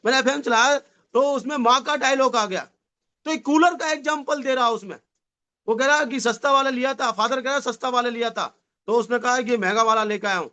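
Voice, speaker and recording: A man giving a lively motivational sales seminar, repeating phrases and calling the audience his dear friends, with a slight touch. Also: very high-pitched, a little fast. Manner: animated, repetitive, addresses audience as "my dear friend". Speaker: network marketing trainer.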